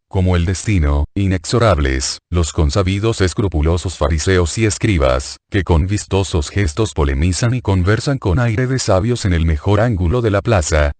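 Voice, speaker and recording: A man narrating religious prose as an audiobook in a measured, solemn way, recorded on a close mic. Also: sits low, darkish tone, no room sound.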